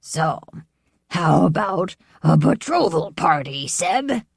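A woman's voice: big pitch swings, slow pace, creaky, slightly rough, no room sound, clean studio sound, heavily acted. A woman doing a bellowing old lord. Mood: boisterous. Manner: booming and jeering. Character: old male lord, bellowing, brassy, overbearing grandfather.

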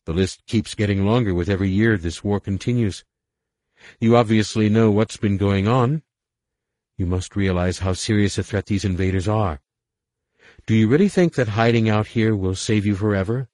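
A man's voice: fairly low pitch, moderate pace, a little mellow, no echo, voice pushed up, lightly acted. A man voicing a tired but earnest female scientist who argues urgently and insistently. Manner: urgent and pleading. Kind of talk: audiobook character voice.

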